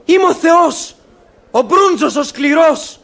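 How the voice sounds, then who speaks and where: A man's voice: very high voice, lively intonation, vocal fry, a bit bright, full character voice. A man playing a thundering old abbot. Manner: thundering, declamatory. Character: wrathful old abbot prophesying God's curse. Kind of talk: classic radio drama acting. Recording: old archival radio recording.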